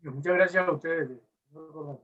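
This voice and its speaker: A man's voice: on the high side, a little fast. A man making a formal request at an online meeting, hesitant and full of fillers, speaking over a video call. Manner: hesitant, lots of "eh, digamos". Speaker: meeting participant. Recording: distant, muffled call audio.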